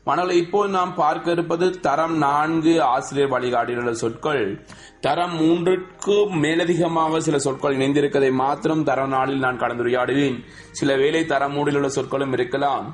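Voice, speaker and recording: A man teaching a spoken language lesson to schoolchildren, drilling word lists slowly and repeating them. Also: a little high, fairly even intonation. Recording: echoey room with faint music.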